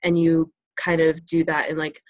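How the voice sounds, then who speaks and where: A young woman, a native English speaker, hosts a casual virtual classroom Q&A over a laptop webcam, teaching students about China. Her low voice stays completely flat at a normal speed, with no room sound, and she talks easygoingly with lots of ums and likes.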